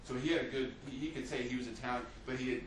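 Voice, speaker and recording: Rapid-fire and steady in tone, the mid-range male voice carries a slight hiss or hum. He teaches history without a script, narrating like a storyteller and often restarting or using fillers. The mic is far off, and the room echoes.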